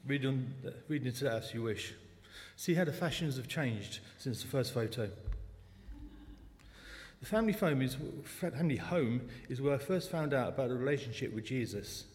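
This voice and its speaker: A man's voice: medium pitch, lively intonation, moderate pace, a little mellow. Man in his forties, echoing church hall. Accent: South London. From South London, England. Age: 40s. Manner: chatty, self-deprecating jokes. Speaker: lay speaker at a church service. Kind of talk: personal testimony talk. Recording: long church hall reverb.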